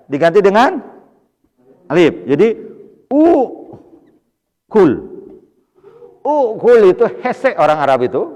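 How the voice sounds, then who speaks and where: In a slightly high voice with a darkish tone, a Sundanese-accented man leads an Arabic grammar lesson for a mosque study circle. He is patient in his explanations, stressing Arabic words as he repeats them. Hall reverb fills the dull, lo-fi recording from the mosque hall.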